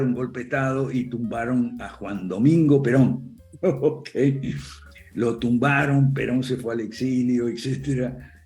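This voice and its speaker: Older argentine guy lecturing slow and easy, saying eh a lot, faint music underneath. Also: medium pitch, dark tone. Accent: Argentine Spanish. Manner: frequent "eh" and "¿ok?" tags, chuckles while talking. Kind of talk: virtual lecture, conversational.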